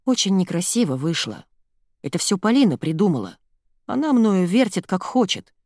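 A woman's voice: fairly low pitch, very animated, normal speed, a little mellow, no echo, clean studio sound. A woman doing a sheepish, evasive young man. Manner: mumbling, sheepish, excuse-making. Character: poor young man, weak-willed and evasive.

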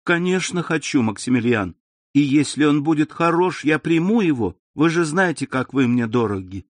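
Man playing anguished young lady, higher, pleading tone, dry close sound. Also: lively intonation, moderate pace, dry recording, close to an everyday voice. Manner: pleading, raised voice. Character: young woman torn by family duty, distressed.

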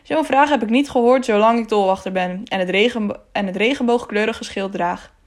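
A woman's voice: mid-range voice, a little fast, lightly acted. A woman voicing a stern middle-aged toll guard who lectures in an officious, indignant manner.

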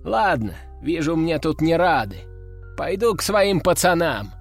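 Cocky teen lad, higher and flippant, read by a man. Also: big pitch swings, a little slow, soft background music, exaggerated voice. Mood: dismissive. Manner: boastful, flippant. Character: cocky teenage boy, brash and dismissive.

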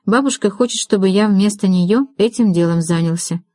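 A woman reading the lines of a calm, businesslike young man in an audiobook, in a matter-of-fact, persuasive way. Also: mid-range voice, moderate pace, no room sound, natural voice.

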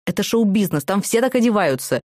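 A woman's voice: mid-range voice, expressive, a little fast, a little mellow, no echo, clean studio sound, close to an everyday voice. A woman voicing a stubborn young woman inmate who insists on her point.

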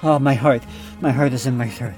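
A man's voice: mid-range voice, fairly quick, a little mellow, soft background music. A man co-hosting a comedy podcast, rambling through a mocking, mock-dramatic bit in casual chat. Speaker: podcast co-host.

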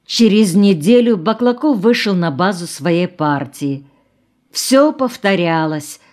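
A woman narrating an audiobook novel in a calm, even storytelling manner. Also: fairly low pitch.

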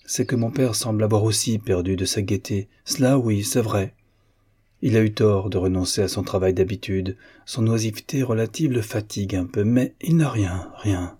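A pale young daughter, soft and reassuring, as a man reads her in a storybook. The voice stays mellow and slightly husky. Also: lowish voice, moderate pace. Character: pale, gentle young woman, worried daughter.

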